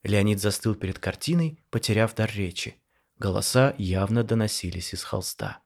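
Male narrator, measured and wry, scripted audio story. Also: lowish voice, vocal fry.

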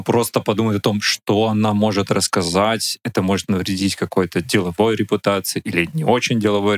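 A man in his thirties, a podcast guest, speaking with wry humor and reflecting openly. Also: on the low side. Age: 30s. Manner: wry, joking, then reflective. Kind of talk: casual podcast chat.

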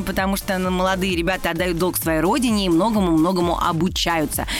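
A woman hosting a radio show, chatting with callers in an effusive, affectionate, gushing way. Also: mid-range voice.

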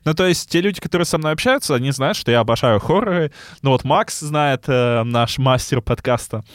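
Male podcast co-host, burred R, faint lisp, halting conversational delivery, close dry sound. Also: medium pitch, dry recording. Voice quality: burred R (rhotacism); slight lisp. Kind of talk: casual podcast chat.

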